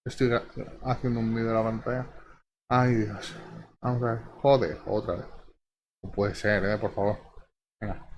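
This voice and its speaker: A man's voice: lowish voice, steady tone, moderate pace, pauses often, slight background noise. A young man with an accent from Spain, commenting on a game in a rambling, chatty, easily flustered way. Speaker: gaming streamer. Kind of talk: casual live commentary. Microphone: close desk mic.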